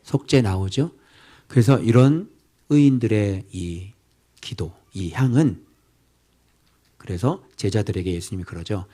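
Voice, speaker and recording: A middle-aged male pastor preaching an expository sermon, firing rhetorical questions at the congregation and swinging between loud scolding outbursts and near-whispers. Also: lowish voice, unhurried, pauses often.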